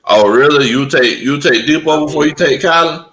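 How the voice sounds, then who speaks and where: A man with a Southern American accent co-hosting a casual sports chat, relaxed and agreeable. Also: on the high side, rough recording. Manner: relaxed, agreeable, quick affirmations. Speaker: co-host.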